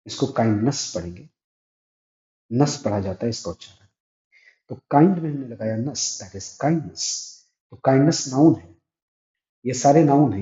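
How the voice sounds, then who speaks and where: Teacher with a dark, echoey voice. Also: male voice, mid-range voice. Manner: explains step by step, asks and answers his own questions. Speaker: English grammar teacher. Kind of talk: classroom-style grammar lesson. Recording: echoey room, dull lo-fi sound.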